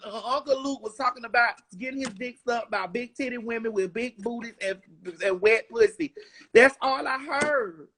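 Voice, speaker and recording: A woman's voice: a little high, normal speed, a bit bright, a little hiss or hum. Blunt, profane woman in her forties. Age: 40s. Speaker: interviewee. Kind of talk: casual interview chat.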